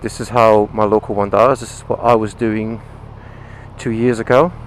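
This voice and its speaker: This British motorcyclist vlogs casually from inside his helmet, where the microphone sits, explaining things while he rides. He has a lowish voice with little pitch movement and a normal speed. The recording is low quality, with engine, wind and traffic sounds plainly heard.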